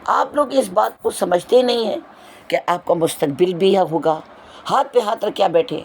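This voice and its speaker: A woman's voice: medium pitch, lively intonation, a little hiss or hum. A woman teacher explaining a poem to her students in an earnest, lecturing way, with repeated rhetorical questions. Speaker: Urdu teacher. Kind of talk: explanatory lesson, addressing students.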